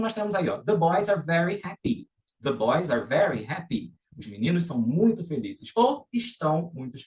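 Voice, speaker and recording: A Brazilian man teaching an English lesson. He explains patiently with many fillers and says the example sentences slowly and carefully. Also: fairly high pitch.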